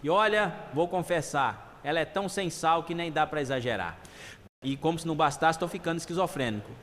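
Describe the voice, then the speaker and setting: A man telling a string of scripted jokes in deadpan style, landing each punchline plainly. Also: a little high, a little fast, big-room sound, a little hiss or hum. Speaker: comedy storyteller. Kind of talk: scripted joke narration.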